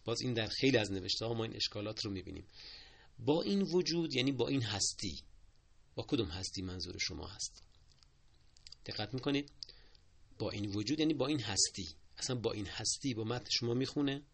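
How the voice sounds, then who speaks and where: A man with a gravelly, creaky voice teaches correct usage in a steady, explanatory way. He repeats key points and keeps asking his listeners to pay close attention. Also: lowish voice, long pauses, a little hiss or hum. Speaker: Persian language teacher. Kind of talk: spoken lesson on correct usage.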